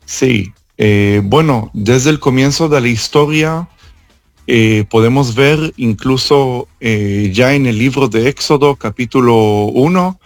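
Slow, halting man from Israel. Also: medium pitch, dry recording, faint music behind. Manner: halting, with frequent hesitation fillers. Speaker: interview guest and tour guide. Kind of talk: answering interview questions over an international call. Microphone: phone call.

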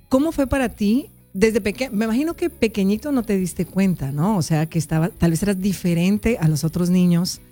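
A woman hosting a live online interview, talking in a warm, chatty way and often repeating herself. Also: medium pitch. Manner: warm, chatty, repeats herself while fixing tech trouble. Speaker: host.

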